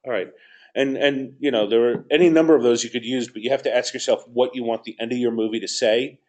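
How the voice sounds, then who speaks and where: A man who directs a course answers student questions and gives notes in a conversational teaching session, repeating key points for emphasis. His medium-pitched voice is a little mellow, fast, and fairly even in intonation.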